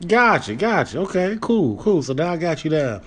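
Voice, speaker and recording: A man's voice: on the high side, sing-song, normal speed. A man hosting a casual comedy podcast, talking in a laid-back, slangy way with plenty of fillers. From Midwest US (born Chicago, raised Michigan).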